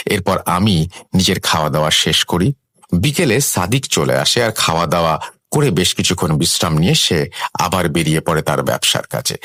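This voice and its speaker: A man narrating a first-person horror story in an expressive, suspenseful way. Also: low voice, dry recording.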